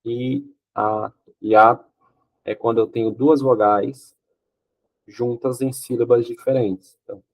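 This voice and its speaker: A man's voice: mid-range voice, fairly even intonation, unhurried. A man teaching Portuguese grammar for an exam, explaining step by step, asking questions and answering them himself, often checking with "ok?". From Brazil. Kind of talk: exam-prep grammar lesson.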